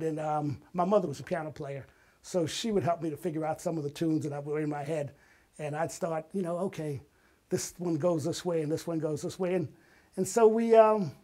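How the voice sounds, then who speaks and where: As an interview guest, a retired artist and playwright in his older years tells personal stories with drama and emphasis, acting out what people said. His voice sits high and is a little mellow.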